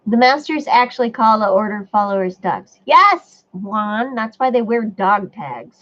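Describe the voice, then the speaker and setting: This livestream host, congested and stuffy-nosed, reads out chat messages and answers them in a relaxed way. She speaks in a mid-range, slightly bright voice, animated yet unhurried, over dull lo-fi audio.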